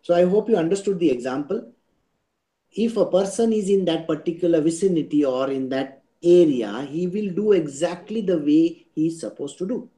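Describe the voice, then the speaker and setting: A man's voice: on the high side, moderate pace, mellow, low-quality recording. A man with an Indian English accent giving a spiritual discourse, teaching didactically through everyday examples and checking in with rhetorical questions.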